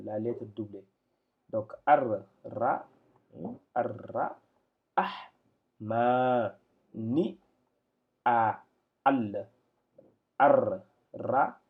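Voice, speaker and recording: A man teaching a lesson step by step, patient and hesitant, with many pauses and fillers. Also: on the low side. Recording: dull lo-fi recording.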